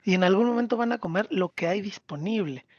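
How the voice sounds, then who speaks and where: A man with a Mexican Spanish accent talking casually on a podcast, retelling scenes with lively acted-out quotes. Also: sits high, a little fast, dry recording, muffled recording. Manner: animated storyteller, acts out character quotes. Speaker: podcast co-host.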